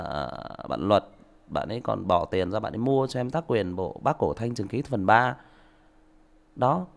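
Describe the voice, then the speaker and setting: Gravelly livestream host. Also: male voice, medium pitch. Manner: lecturing, indignant, rhetorical questions. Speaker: audiobook narrator and livestream host. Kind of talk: livestream talk to listeners.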